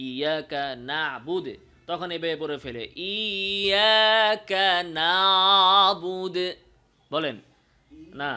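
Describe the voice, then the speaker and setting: A man with a Bangladeshi Bengali accent teaching Quran pronunciation, stretching out each sung example and explaining quickly in between. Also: a little high, pushed and bright. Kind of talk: tajweed pronunciation lesson.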